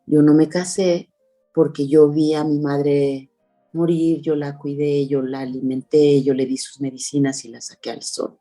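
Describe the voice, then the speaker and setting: Gentle old Mexican godmother in her nineties, as a woman storyteller voices her, low and warm, tender and unhurried. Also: level tone, faint music behind. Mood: solemn.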